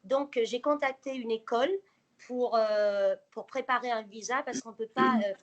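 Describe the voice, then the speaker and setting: A woman's voice: fairly high pitch, fairly even intonation, moderate pace, muffled recording. A woman in her forties telling her life story to a small group, with many fillers and hesitations. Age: 40s. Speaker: guest speaker.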